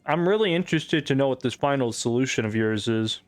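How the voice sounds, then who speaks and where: A man's voice: medium pitch, lively intonation, fairly quick, dry recording, soft background music. A man giving casual, rambling gameplay commentary, sarcastic and full of swearing. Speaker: gamer.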